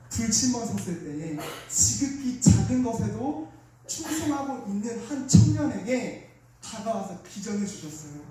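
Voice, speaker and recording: A man's voice: high-pitched, mellow, distant mic, a little hiss or hum. A young man giving a fervent, prayerful revival testimony in a large church. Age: young adult. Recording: echoey church hall from afar.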